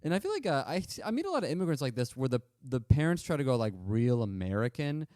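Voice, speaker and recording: A man's voice: medium pitch, quick pace, no echo, studio quality. A man co-hosting a podcast, telling a story in casual chat and acting out the quoted lines. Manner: animated, acts out quotes in put-on voices. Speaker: podcast co-host.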